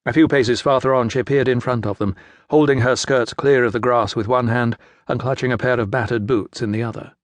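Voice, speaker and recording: Guy reading an audiobook, even and measured, dead dry close mic. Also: medium pitch, no echo. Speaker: audiobook narrator. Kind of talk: scripted narration. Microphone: close studio mic.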